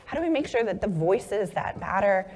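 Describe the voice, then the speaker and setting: A woman with laryngitis talks to a conference crowd in a hoarse, shaky voice. She stays earnest despite the strain. A long hall reverb trails behind her words. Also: medium pitch, very animated, normal speed, a little mellow. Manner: earnest, apologetic. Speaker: co-facilitator and speaker. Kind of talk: conference talk.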